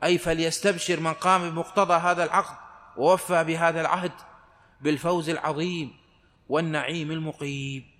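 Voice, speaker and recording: A man giving a measured religious lesson, reciting verses slowly and explaining them with steady deliberation. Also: on the high side. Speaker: Islamic scholar giving Quran commentary. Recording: long hall reverb.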